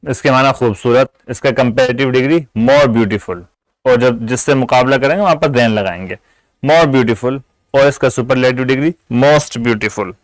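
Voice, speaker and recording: A man giving an English grammar lesson, explaining patiently in Urdu-flavoured Hindi and repeating example words slowly. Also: medium pitch, dry recording, rough recording. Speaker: English teacher.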